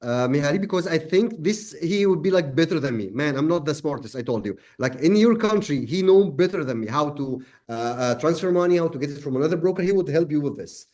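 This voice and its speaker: Brief: man, from Egypt, webinar host, easygoing and halting, somewhat high voice, mellow tone. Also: animated. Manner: casual, many fillers, friendly "man". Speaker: trading webinar presenter. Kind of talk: live webinar Q&A.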